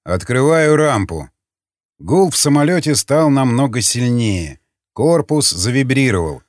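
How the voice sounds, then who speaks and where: A man reading an audiobook with dramatic, animated narration. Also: mid-range voice, a little slow, no room sound, studio quality.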